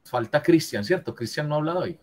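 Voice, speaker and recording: A man teaches a writing lesson in a virtual class over a video call, correcting students and checking in with them often by repeatedly asking "¿cierto?". His voice is a little high, with lively intonation and a fast pace.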